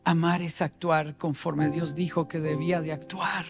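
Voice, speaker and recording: A man in his sixties preaching a sermon with passion, swinging between loud emphasis and near-whispered lines. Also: on the high side, little pitch movement, moderate pace, music in the background. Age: 60s.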